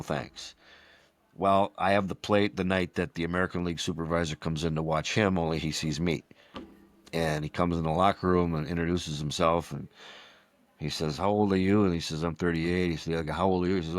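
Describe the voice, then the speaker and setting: On a laid-back podcast, a man in his sixties who used to umpire baseball tells meandering stories in a deep voice, voicing the quotes of people in them. The sound is echo-free.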